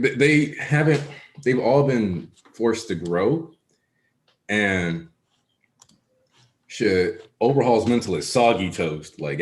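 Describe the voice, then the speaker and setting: Low-voiced guy chatting loosely, lots of likes and ums. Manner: rambling, many likes and ums. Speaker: podcast co-host. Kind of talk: casual chat.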